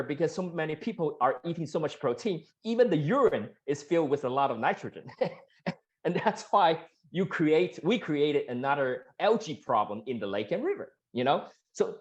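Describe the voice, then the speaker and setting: A Taiwanese startup founder earnestly answers investor questions after a pitch, restarting often and using lots of fillers. His pitch rises when he gets animated, and the lo-fi recording sounds dull.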